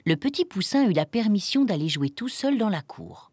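A woman reading a children's picture book aloud in a gentle, expressive storytelling manner. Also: mid-range voice, moderate pace, breathy edge, dry recording.

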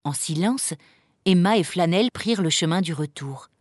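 A woman narrating a children's Christmas story aloud in an expressive, lively storybook reading. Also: on the low side, normal speed, faint music behind. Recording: dry close recording.

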